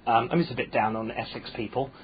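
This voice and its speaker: A comedian guest on a casual podcast interview, this man has a posh English accent and a mid-range, steady voice that moves fast. He rambles, hesitates with frequent fillers, and pokes fun at himself, all over a noisy crowd in muffled lo-fi sound.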